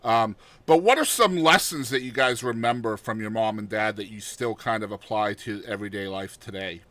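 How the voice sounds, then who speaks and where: A man's voice: lowish voice, normal speed, fairly bright tone. A middle-aged man from Massachusetts hosting a podcast interview, chatty and jokey, laughing often. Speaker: podcast host. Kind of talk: casual interview chat.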